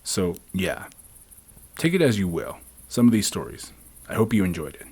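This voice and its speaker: A man's voice: low voice, wildly swooping pitch, normal speed, a little mellow, breathy edge. A man from the southwestern United States hosting a podcast in a conversational urban legend teller manner. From southwestern United States, Navajo Nation. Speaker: podcast host.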